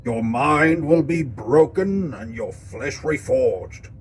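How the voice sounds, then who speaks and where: A man voicing a stern older warrior-priest who makes slow, solemn pronouncements. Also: mid-range voice, animated, a little hiss or hum, rough recording. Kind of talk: audiobook-style story narration.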